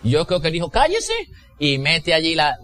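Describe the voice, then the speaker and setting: A man preaching a sermon, impassioned, rising to shouts and acting out the voices of the people in his story. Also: fairly high pitch, fairly even intonation, brisk. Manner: impassioned, builds to shouts, acts out quoted voices.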